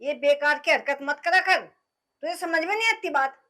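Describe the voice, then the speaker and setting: A woman's voice: sits high, normal speed, pushed and bright. An actress playing a middle-aged village mother, scolding and calling after her son. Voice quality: nagging, calling out. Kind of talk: rural comedy film acting.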